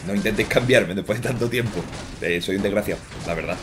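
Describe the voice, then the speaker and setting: A man's voice: on the low side, fast. A man in his thirties with a Castilian Spanish accent giving casual, jokey gameplay commentary in an informal, chatty way. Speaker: gaming streamer. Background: game music.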